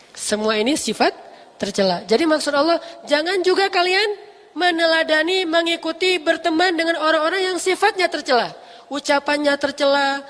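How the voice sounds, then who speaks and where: Lively Quran teacher in a reverberant space. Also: high voice. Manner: explains Arabic terms with emphatic repetition; casual, lively, jokes with listeners. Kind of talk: Quran study lesson. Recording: long reverb.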